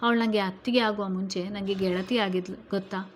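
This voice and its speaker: Lady reading as a young guy comforting his mom, fast and soft, a bit cheeky. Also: mid-range voice, fairly even intonation, a little hiss or hum, close to an everyday voice. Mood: caring. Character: young man, a caring and cheeky younger son.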